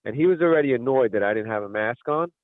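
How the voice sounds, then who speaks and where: A man calls in to a radio show and tells a long, rambling story, acting out what everyone said. His voice sits at an ordinary middle pitch and comes through a tinny phone line. The sound is dry and close. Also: animated, quick pace, no echo. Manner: rambling storyteller who acts out quoted exchanges. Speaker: caller. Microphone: telephone.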